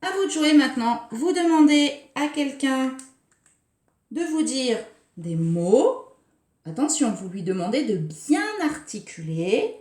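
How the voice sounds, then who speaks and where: A woman preschool teacher giving a recorded lesson for young children, speaking slowly and articulating each syllable with care. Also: high voice, animated, a little mellow. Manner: slow, carefully articulated, scanning syllables. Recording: roomy echo.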